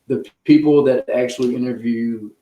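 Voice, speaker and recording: With a warm, medium-pitched voice, steady tone and normal speed, the US children's author and sports journalist answers questions as an interview guest. He sounds conversational and earnest, explaining things carefully, and the room gives off an echo.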